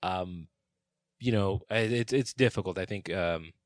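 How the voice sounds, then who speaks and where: A man's voice: sits low, a little slow, dry recording. A man in casual chat, talking earnestly and thoughtfully, explaining his views.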